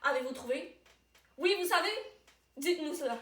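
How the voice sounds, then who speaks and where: A woman playing a chipper quiz co-host who reads questions slowly and deliberately. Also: sits high, heavy background noise, natural voice. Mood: playful. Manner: deliberate, slow question reading. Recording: roomy sound, far from the mic.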